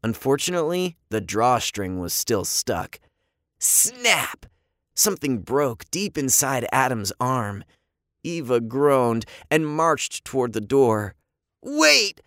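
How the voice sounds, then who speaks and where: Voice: mid-range voice, animated, a little slow, dry recording, studio quality. A storyteller reading a children's story aloud expressively, acting out sound effects. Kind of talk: storybook narration.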